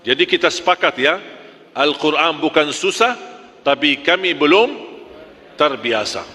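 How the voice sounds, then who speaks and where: A man's voice: a little high, lively intonation, unhurried, pushed and bright, long reverb tail. A man teaching Quran recitation, drilling letters one by one and chanting examples, correcting sharply.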